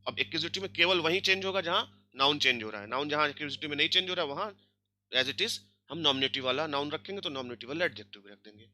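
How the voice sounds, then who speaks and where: A man's voice: fairly high pitch, animated, fast talker, sharp tone, slight background noise. A man teaching a grammar lesson online, explaining step by step and checking in often with his students. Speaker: language teacher.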